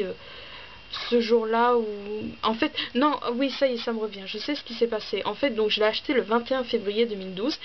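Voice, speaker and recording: Woman rambling thru her book vlog, lots of ums and restarts, kinda muffled recording w a little background hiss. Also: mid-range voice. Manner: hesitant, many fillers and restarts; chatty, listing items one by one. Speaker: book vlogger. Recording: slightly dull with faint background noise.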